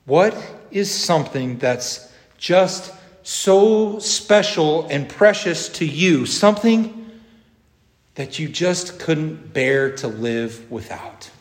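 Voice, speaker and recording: A man preaching a sermon as pastor, slow and measured, with emphatic rises on key words. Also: fairly high pitch, lively intonation. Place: church sanctuary. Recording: long church reverb.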